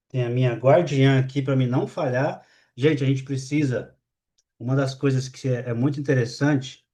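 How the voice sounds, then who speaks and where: Brazilian man, webinar host, lively and demonstrative, mid-pitched voice. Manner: lively and demonstrative, shifts energy on purpose. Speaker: speaker leading a live online class. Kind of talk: live webinar talk to an audience.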